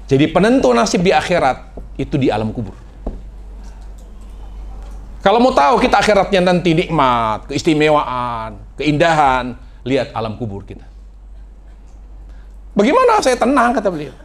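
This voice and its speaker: A man preaches to his congregation in a highly animated voice. His pitch leaps up for emphasis, then drops to hushed, near-whispered lines. The delivery is dramatic and theatrical. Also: normal speed, long pauses. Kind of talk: sermon.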